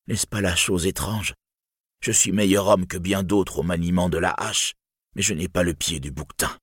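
Homme jouant un guerrier maussade. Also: male voice, deep voice, steady tone, moderate pace, husky, no room sound, clean studio sound. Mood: sullen. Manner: gloomy, defensive speech. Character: sullen male axeman, resentful. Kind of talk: audiobook reading.

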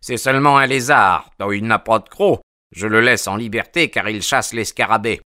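A man voicing a gruff old animal keeper who shouts threats, then turns friendly. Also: on the low side, normal speed, no room sound, studio quality.

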